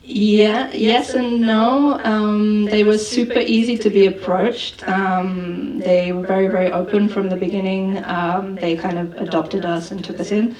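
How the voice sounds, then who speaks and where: Taking questions in a festival hall full of people, a woman director speaks in an unhurried, darkish mid-range voice with fairly even intonation and hardly any pauses. She is reflective yet halting, with many fillers and restarts. The audio is roomy and distant, with crowd noise behind her.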